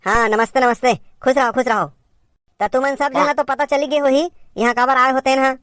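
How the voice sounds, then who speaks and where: A woman's voice: sits high, fairly even intonation, normal speed, a bit bright, dry recording, clean studio sound. A woman with a Chhattisgarhi accent performing a comedy sketch as a bossy teacher who scolds and directs her pupils.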